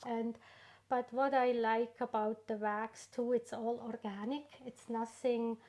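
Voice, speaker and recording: A middle-aged Swiss woman, a guest artist in a casual interview, speaks English as a second language with a Swiss accent. Her voice sits slightly high with little pitch movement, and she tells her story slowly and warmly, lingering on frequent pauses and fillers.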